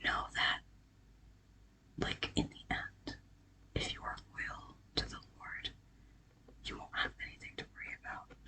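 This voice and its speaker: A person giving a whispered ASMR pep talk of affirmations and scripture, breathy, casual and halting, with gentle reassurance. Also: low-quality recording. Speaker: ASMR creator.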